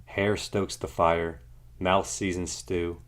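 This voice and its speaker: Male picture-book narrator: deep, unhurried, very expressive read-aloud. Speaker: storybook reader.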